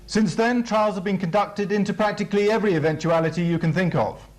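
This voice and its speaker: Working from a script, this training film presenter gives a formal military briefing, explaining matters at a measured pace. He is a British man whose voice is notably high.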